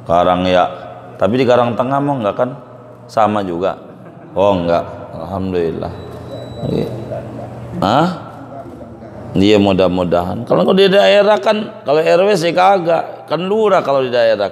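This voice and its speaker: A man's voice: mid-range voice, sing-song, a little slow, creaky, pauses often. A man with a Betawi Jakarta accent teaching a religious study lecture, making folksy jokes to the audience. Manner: folksy joking asides to the audience. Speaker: Islamic teacher. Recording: echoey hall with faint room noise.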